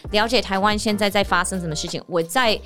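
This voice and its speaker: A woman from the United States, a native English speaker, hosting a casual podcast monologue, telling stories in an animated way and laughing often. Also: medium pitch, fast, soft background music. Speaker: podcast host; teacher and performer.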